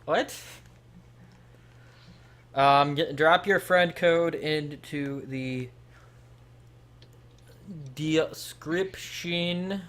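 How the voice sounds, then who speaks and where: A man's voice: a little high, very slow, pauses often, fairly bright tone. A young man hosting a live stream, chatting casually and talking straight to viewers by name.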